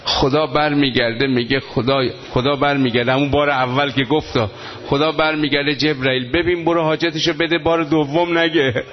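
A man leading a mourning gathering, talking casually to the listeners and breaking into slow, wailing chanted elegy. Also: fairly high pitch, steady tone, a little hiss or hum. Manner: talks casually to the gathering, then chants in slow, drawn-out wails. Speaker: eulogist reciting mourning elegies. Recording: dull lo-fi sound.

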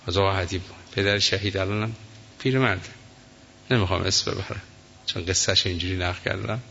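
A man's voice: lowish voice, creaky, sharp tone, a little hiss or hum. A man preaching a sermon, telling an emotional story and voicing the people in it. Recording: echoey hall, dull lo-fi sound.

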